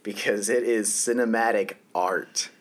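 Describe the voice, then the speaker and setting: A man's voice: on the low side, steady tone, a little slow. A man appearing as a guest on a casual podcast, teasing with dry, playful humor.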